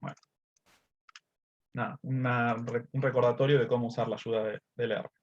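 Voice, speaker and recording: A man's voice: mid-range voice, level tone, moderate pace. A man teaching a screen-recorded coding lesson step by step, often asking "¿sí?" and filling gaps with "este". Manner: explains step by step, checks in with "¿sí?" and "este". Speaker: math teacher. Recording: slightly dull lo-fi audio.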